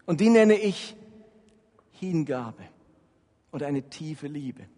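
A man giving an animated, emphatic sermon as pastor. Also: on the high side, takes it slowly, in a large hall. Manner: animated, emphatic preaching with frequent rises in loudness.

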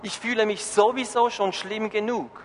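Preacher doing a desperate woman crying out, high strained voice, big echoey hall. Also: fairly even intonation, moderate pace, close to an everyday voice. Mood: anguished. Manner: exclaiming in disbelief. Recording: reverberant hall, faint noise.

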